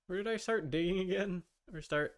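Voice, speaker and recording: While livestreaming a game, a high-pitched male speaker chats casually, muttering to himself and answering his viewers in a rambling, halting way.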